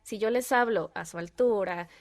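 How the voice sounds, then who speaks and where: A woman, a podcast guest and mother, telling animated stories and acting out quoted dialogue. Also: mid-range voice, normal speed. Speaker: guest, voice-over artist and mother. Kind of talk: casual podcast chat.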